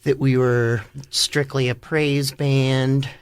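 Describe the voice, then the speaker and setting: A man's voice: medium pitch, little pitch movement, takes it slowly, clear, resonant tone. A man being interviewed on a podcast, telling stories in a laid-back, joking way. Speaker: podcast guest, rock musician. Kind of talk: casual interview chat.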